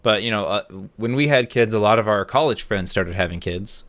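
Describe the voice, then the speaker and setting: A man's voice: fairly low pitch, a little fast, a bit bright. A man in his thirties, a podcast co-host, telling a long, rambling story in casual chat with lots of fillers.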